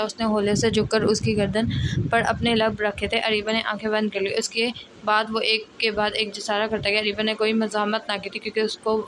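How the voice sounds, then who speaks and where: A woman reading a romance novel aloud as its narrator, at a steady, even pace. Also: medium pitch, poor audio. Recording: steady background hiss.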